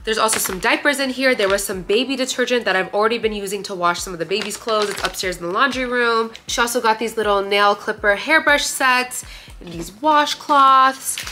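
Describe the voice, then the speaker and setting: Young woman vlogger, bubbly haul chatter, crisp bright voice, faint hiss. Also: a little high. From Romania. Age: young adult. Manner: gushing, chatty, says "like" a lot. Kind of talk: casual haul video. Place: bright living room indoors.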